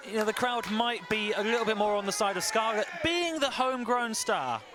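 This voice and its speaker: High-voiced, opinionated male colour commentator. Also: animated, brisk. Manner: opinionated, openly partisan, argumentative. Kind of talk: live sports commentary, bantering. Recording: loud crowd and noise behind. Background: wrestling crowd.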